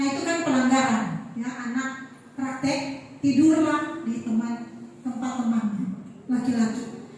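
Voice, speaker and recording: Recorded from afar in an echoey church hall, a middle-aged woman pastor from Manado, Indonesia, gives a spirited sermon of personal stories, frequently addressing the congregation. Her voice sits high, and the audio has a little hiss or hum.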